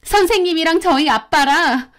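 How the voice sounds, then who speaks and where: A woman's voice: extremely high pitch, expressive, moderate pace, fairly bright tone, pitched above the performer's own voice. A woman voicing a teenage schoolgirl who accuses her teacher in an agitated way.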